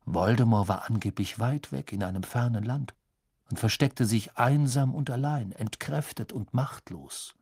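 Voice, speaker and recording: Ein Mann liest ein Hörbuch ausdrucksvoll und dramatisch vor. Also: male voice, mid-range voice, unhurried, husky, no echo, studio quality. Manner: expressive, dramatic storytelling. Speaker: audiobook narrator. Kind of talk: scripted audiobook narration.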